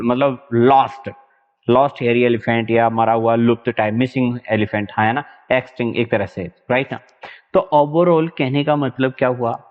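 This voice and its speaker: A man teaching English vocabulary in an online exam-prep lecture, spelling words letter by letter and stretching out his example sentences while he keeps asking if it is clear. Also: mid-range voice. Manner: keeps checking in with "right na" and "is that clear". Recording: tinny, phone-like sound with a long hall echo.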